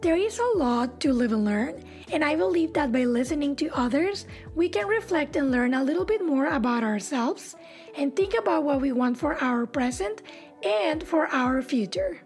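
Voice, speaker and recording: A woman's voice: high voice, expressive, normal speed, a little mellow, soft background music. A woman in her twenties hosting an interview podcast, introducing the show and asking friendly questions. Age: 20s. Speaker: podcast host.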